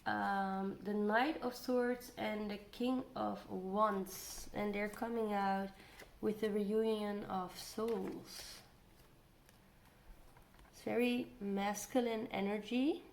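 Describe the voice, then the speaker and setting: A woman's voice: mid-range voice, steady tone, slow pace, darkish tone. A woman giving a casual tarot energy reading, thinking aloud, trailing off and repeating phrases as she goes. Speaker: tarot card reader. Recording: roomy echo, clear background noise.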